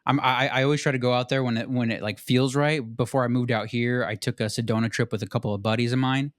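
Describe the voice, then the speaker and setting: A man's voice: medium pitch, fairly even intonation, fast, no echo. Laid-back young man, dry close sound. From southern Arizona. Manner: laid-back, says "dude" and "like" constantly. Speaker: podcast host. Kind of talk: casual conversation.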